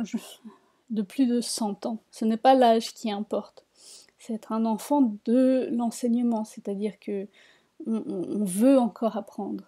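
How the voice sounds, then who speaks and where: A woman teaching a reading lesson, spelling out syllables one by one and repeating each word slowly. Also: on the high side, mellow. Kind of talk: slow spoken language lesson.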